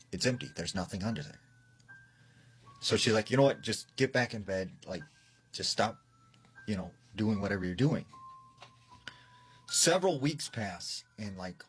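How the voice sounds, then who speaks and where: Brief: low-voiced male storyteller, casual and chatty, faint background music. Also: a bit bright. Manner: casual, filler-heavy retelling. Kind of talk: casual scary story narration.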